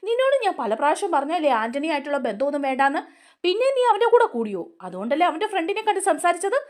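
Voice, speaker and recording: A woman's voice: high voice, very animated, fast. A woman voicing a stern man from a serial who is scolding and questioning the others. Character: stern older brother figure, scolding.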